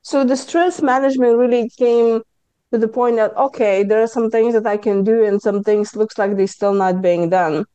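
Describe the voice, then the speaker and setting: Telling her own story during a podcast interview, a woman with a Lithuanian accent, who works as a stress management coach, is earnest and candid and repeatedly quotes herself with energy. Her clean voice runs on the high side at a moderate pace. It's a dry, low-quality recording.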